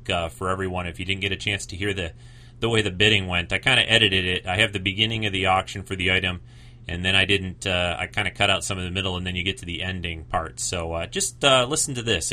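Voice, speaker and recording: A man's voice: sits low, pushed and bright. A man hosting a show with casual, rambling commentary, informal and a bit hesitant. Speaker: podcast host.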